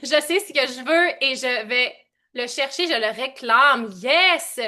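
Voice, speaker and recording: Loud, bubbly Québécois woman coach. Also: high voice, slow. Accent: Québécois French. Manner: loud, excitable, laughing, mixes English slang. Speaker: coach hosting a live session. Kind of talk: energetic live-stream coaching.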